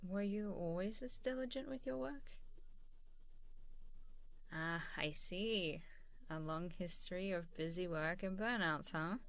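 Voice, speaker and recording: Reassuring and encouraging, a woman with a somewhat low voice speaks at a measured pace and pauses often. She portrays a supportive, warm female boss praising someone in a casual ASMR role-play, one-sided and soft, with hesitant chuckles between phrases.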